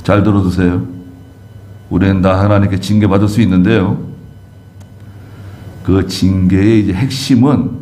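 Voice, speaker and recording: A man's voice: deep voice, mellow. A man preaching a sermon as pastor, explaining scripture and asking the congregation rhetorical questions. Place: church sanctuary.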